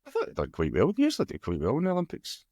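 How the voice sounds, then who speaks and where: A man's voice: fairly high pitch, huge pitch swings, very fast, a little mellow, no echo, studio quality. A man in casual podcast banter, crude and jokey, swearing often. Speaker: podcast co-host. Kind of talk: casual chat.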